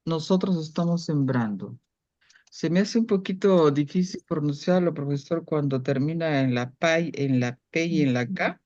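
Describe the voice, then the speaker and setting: A language student slowly and carefully reading out practice sentences in class, then asking the teacher for help. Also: medium pitch, a little mellow, no echo, muffled recording. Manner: slow, careful syllable-by-syllable reading.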